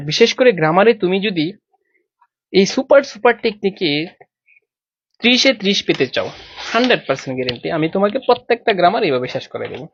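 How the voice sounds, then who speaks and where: A man's voice: sits high, husky, no echo. A male teacher giving an online grammar lesson, often asking students whether they follow. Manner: drills students with repeated questions. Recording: dull lo-fi sound.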